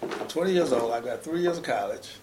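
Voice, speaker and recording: An older man tells his story in an oral history interview. He talks fast and emphatically, circling back with restarts as he pushes his point. His voice carries a roomy echo. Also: mid-range voice, animated, background noise. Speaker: interviewee, former civil rights organizer.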